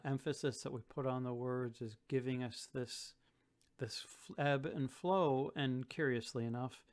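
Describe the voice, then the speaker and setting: A man teaching a song lesson, thinking aloud and reciting verse lines slowly with careful stress. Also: mid-range voice, darkish tone. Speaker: Gaelic song tutor. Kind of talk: relaxed spoken lesson with slow recitation.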